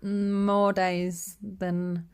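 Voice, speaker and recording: A woman with a London accent and a nasal, rather monotone voice, chatting casually as a podcast guest. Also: mid-range voice, drawn-out words, smooth. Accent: London English. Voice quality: nasal, as if holding the nose. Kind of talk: casual chat, with swearing.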